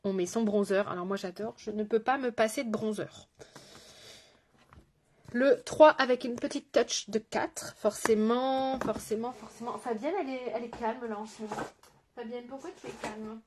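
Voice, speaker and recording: A woman's voice: fairly high pitch, fairly even intonation, moderate pace. A woman with a French accent, a makeup artist chatting casually through a live tutorial, greeting viewers and joking about herself. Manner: chatty, greets viewers, self-mocking asides.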